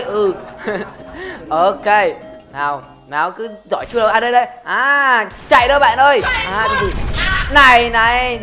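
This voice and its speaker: A woman hosting a gaming channel, giving playful, teasing commentary as she plays, laughing often. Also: on the high side. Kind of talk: casual game commentary. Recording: game music behind the voice.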